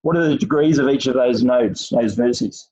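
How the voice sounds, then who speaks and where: A man teaching a maths lesson over a video call, his audio cutting out on a weak connection as he quizzes students in halting, restarted phrases. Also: mid-range voice, dark tone. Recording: dull lo-fi online call audio.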